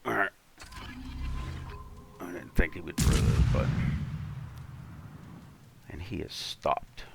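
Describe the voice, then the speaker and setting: Deep, creaky-voiced man over computer hiss. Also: slow. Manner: thinking aloud, chatty, unscripted. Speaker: streamer playing a naval warship game. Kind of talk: casual game commentary. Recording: audible hiss from an open computer case.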